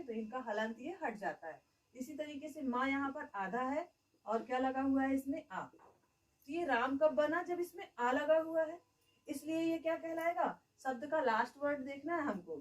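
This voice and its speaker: A woman's voice: high-pitched, far from the mic, rough recording. A woman teaching a grammar lesson. She keeps asking the class questions and answering them herself, and she says "okay" often.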